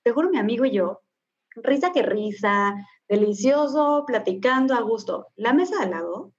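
A woman's voice: on the high side, animated, moderate pace, highs cut off. A woman with a Mexican accent, chatting casually and telling a dating story full of slang. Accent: Mexican Spanish. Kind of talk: casual chat.

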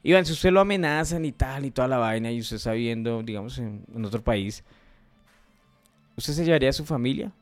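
A man's voice: medium pitch, animated, brisk, dry recording. Male Colombian co-host, colloquial and opinionated, clean resonant voice, casual talk. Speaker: podcast co-host. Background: faint music.

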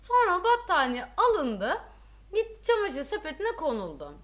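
A young woman co-hosting a podcast, telling stories with animated, acted-out quotes in casual chat. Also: very high voice, moderate pace. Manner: animated storytelling, acts out quotes. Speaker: podcast co-host.

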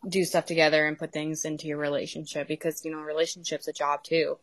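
A woman's voice: low voice, level tone, fast talker, no room sound. A woman hosting an interview, asking long, rambling questions. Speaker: interview host. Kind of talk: casual interview chat.

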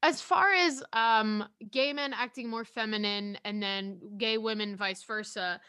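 Bright, chatty woman hosting a podcast. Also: medium pitch, unhurried, clean tone, dry recording, clean studio sound. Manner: chatty and animated, full of "like" and restarts. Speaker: podcast co-host. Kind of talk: casual podcast chat.

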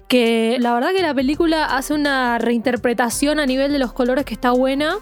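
A woman co-hosting a podcast, casually explaining a film and often tagging her points with a questioning "no?". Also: sits high. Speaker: podcast co-host.

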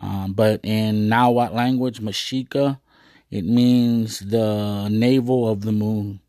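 A man's voice: on the low side, fairly even intonation, slow, dark tone, dry recording, clean studio sound. A man giving a rambling, earnest monologue to his viewers, full of hesitations and fillers. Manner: earnest, proud.

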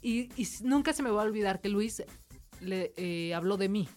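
Expressive Mexican woman telling a story. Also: mid-range voice, normal speed, soft background music. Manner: animated storyteller acting out quotes. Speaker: radio host. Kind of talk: casual chat telling an anecdote.

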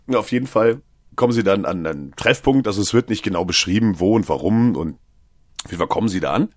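Husky man casually recapping a film. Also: fairly low pitch, lively intonation, a little fast, darkish tone, no echo, clean studio sound. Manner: retells scenes, acting out quotes with filler words. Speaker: podcast co-host.

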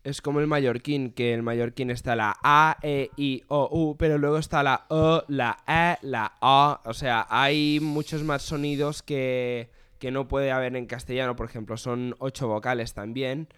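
Guy doing the interview, chatty, dry close sound, clear voice. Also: medium pitch, fairly even intonation, a bit bright, dry recording. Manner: chatty, quick to agree. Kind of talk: casual interview.

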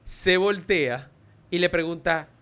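A man in his thirties with a Venezuelan Spanish accent, co-hosting a casual podcast and telling stories in an animated way, laughing often. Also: fairly high pitch, slow pace, clean tone. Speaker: podcast co-host. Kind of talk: casual chat.

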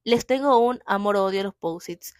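A young woman talking casually about what she loves and hates in books. She is emphatic and animated and hammers her points home with repeats. Her voice is mid-pitched and recorded close in a dry room. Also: normal speed, no room sound. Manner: emphatic, animated, keeps repeating "así de simple". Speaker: book vlogger. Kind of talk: casual opinionated chat.

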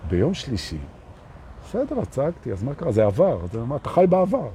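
A man giving a live spiritual talk. He moves between slow, emphatic teaching and playful, self-mocking jokes. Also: medium pitch, wildly swooping pitch, warm tone, a little hiss or hum.

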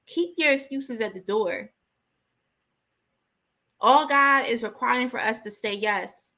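In an impassioned, informal sermon, a woman preacher exhorts emphatically and repeats key phrases. Her voice is on the high side, bright and forceful.

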